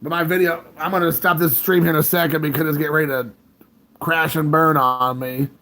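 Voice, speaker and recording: Streaming casually from his phone at home, a man in his late thirties rambles to viewers in a relaxed way, chuckling frequently. His voice is fairly high, bright and forceful, brisk in pace with fairly even intonation.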